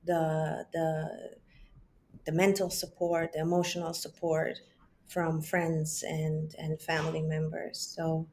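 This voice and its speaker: A woman in her forties, a psychologist and business founder raised in Germany, is interviewed casually over a remote call from her home, with children audible behind her. She speaks slowly in a low, monotone, slightly mellow voice, reflecting aloud with many restarts and asides. There's a little hiss or hum on the line.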